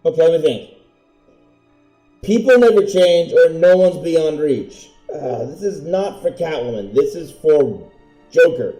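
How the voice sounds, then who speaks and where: A man thinking aloud while streaming a game live, musing and hesitant. His voice is a bit high but mellow, and the room adds a noticeable echo. Faint music plays underneath. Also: lively intonation, measured pace. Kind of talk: live gameplay commentary.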